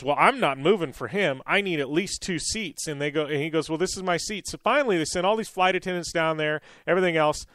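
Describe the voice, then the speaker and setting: Male radio host, slightly high voice, dry studio sound, chatty storyteller. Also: no echo. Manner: animated, digressive anecdote-telling with fillers. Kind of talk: casual storytelling monologue.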